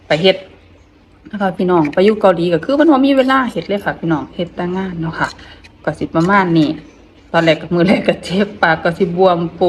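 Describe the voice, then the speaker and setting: A middle-aged woman with an Isan accent chats casually while eating, talking with her mouth full, haltingly, repeating phrases and murmuring between them. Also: lowish voice, slight background noise. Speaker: vlogger.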